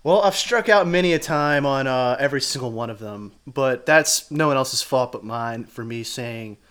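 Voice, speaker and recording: A man's voice: mid-range voice, moderate pace, a bit bright, smooth. A man chatting casually as a podcast guest, crude, joking and self-deprecating. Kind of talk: casual chat.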